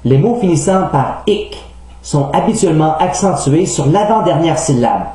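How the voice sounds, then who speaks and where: A man with a Québécois French accent, a native French speaker teaching English pronunciation in a scripted lesson, speaking slowly and carefully. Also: a little high, lively intonation, warm tone. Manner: slow, careful, enunciating word examples. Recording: very echoey room, faint hum.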